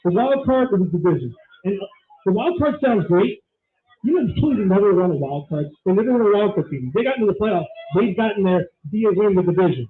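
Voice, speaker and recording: A man hosting a casual sports radio show, chatting in a rambling, quick way with his co-host. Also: high voice, lively intonation. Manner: rambling, quick banter with laughs. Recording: tinny phone-like radio audio.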